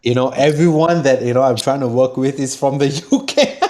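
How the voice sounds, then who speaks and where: A man's voice: mid-range voice, a little fast, a little mellow. A man from Singapore chatting casually as a guest, hesitant, often repeating words and laughing. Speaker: project guest. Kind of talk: casual chat.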